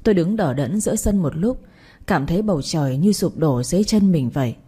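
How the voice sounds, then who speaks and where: Low, breathy woman narrating a story. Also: expressive, fairly quick, dark tone. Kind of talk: first-person story narration.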